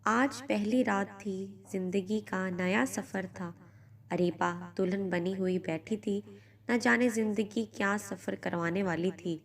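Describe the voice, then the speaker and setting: Woman narrator, measured storytelling voice, moral story read. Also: medium pitch, steady tone.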